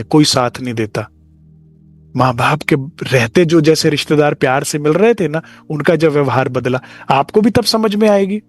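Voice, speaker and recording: A man giving a devotional discourse as a spiritual teacher, talking conversationally and acting out short dialogues. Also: fairly high pitch.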